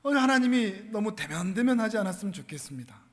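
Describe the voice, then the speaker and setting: High-voiced male pastor in echoey hall. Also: expressive, fast talker. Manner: builds from soft asides to loud, forceful emphasis. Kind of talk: sermon.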